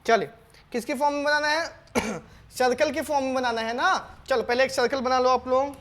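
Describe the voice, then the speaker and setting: A man with a notably high voice teaches a maths lesson, working through a problem step by step. He keeps putting questions to his students and answering them himself. When he reads out the English question, he slows to a careful word-by-word pace. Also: steady tone, fairly bright tone. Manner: calls students "beta", coaxing and patient. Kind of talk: board exam lesson, solving problems step by step.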